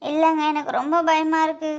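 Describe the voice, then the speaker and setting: A woman's voice: high voice, flat delivery, fairly quick. A woman voicing a frightened young wife in a cartoon, panicky and stammering. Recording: dull lo-fi audio.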